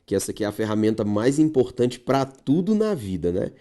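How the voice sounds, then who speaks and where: A Brazilian man teaching grammar online, his pitch swinging widely up and down as he explains. He speaks straight to his viewers, checks often that they follow, and drags out key words slowly to make them stick. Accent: Brazilian Portuguese. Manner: animated, stretches key words slowly for emphasis; addresses viewers directly, checks understanding often.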